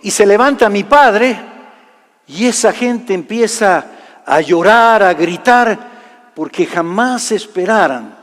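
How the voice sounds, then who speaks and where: A man preaching a sermon, telling a personal story and swinging from loud to hushed delivery. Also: high voice, expressive, slow pace. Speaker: pastor. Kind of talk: sermon testimony. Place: large church hall. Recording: live church hall reverb.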